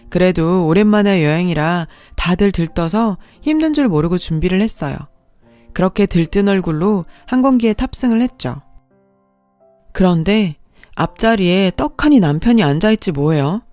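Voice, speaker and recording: A woman telling her own story as a scripted radio drama, talking in a confiding, conversational way. Her voice sits dry and close to the microphone. Soft music plays faintly underneath. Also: medium pitch, no echo.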